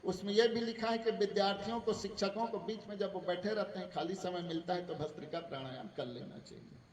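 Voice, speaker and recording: A man's voice: sits high, fairly even intonation, quick pace. A man, a school teacher guiding his students through yoga exercises and coaxing them with questions. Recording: echoey room, distant mic, faint background noise.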